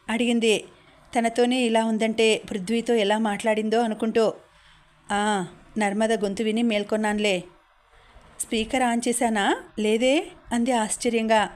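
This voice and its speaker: A woman narrating a novel, reading the characters' dialogue in a steady storytelling voice. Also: on the high side. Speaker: audiobook narrator.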